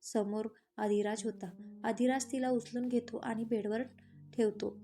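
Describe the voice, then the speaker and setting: A woman narrating a romantic story in a steady, even reading style. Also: a little high, a little slow. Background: faint instrumental music.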